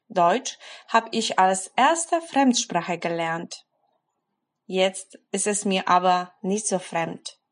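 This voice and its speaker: A woman, a German speaker, giving a scripted and encouraging language lesson. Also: mid-range voice. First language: Polish. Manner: encouraging, careful, deliberate. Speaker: language teacher.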